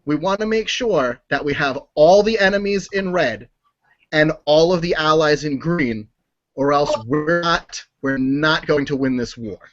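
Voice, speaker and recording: Guy as flustered army aide, kinda high voice, insistent n repeating himself, improv comedy, bit dull audio. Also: a little slow, a bit bright. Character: earnest, flustered military aide pressing his superior.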